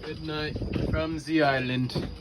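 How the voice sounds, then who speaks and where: A tired young man vlogging from his small sailboat by an island at night, talking slowly and rambling, with fillers and the odd swear. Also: on the high side, level tone. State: sleep-deprived. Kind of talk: casual vlog narration. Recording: noisy outdoor phone recording. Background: water, boat sounds and crickets.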